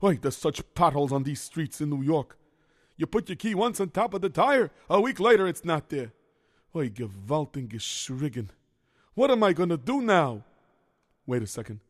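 A man's voice: on the high side, sing-song, normal speed, no echo, clean studio sound. A man playing a bumbling handyman who talks himself through every mishap, with Yiddish exclamations scattered through his muttering. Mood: flustered. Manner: rambling self-talk, sprinkled with Yiddish exclamations. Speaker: lunch driver. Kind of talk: children's comedy sketch.

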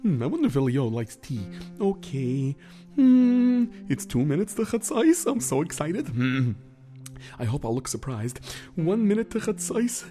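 Man playing an excitable, high-voiced, self-important pious man. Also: measured pace, faint music behind. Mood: eager, muttering. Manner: theatrical, hesitant muttering and exclaiming.

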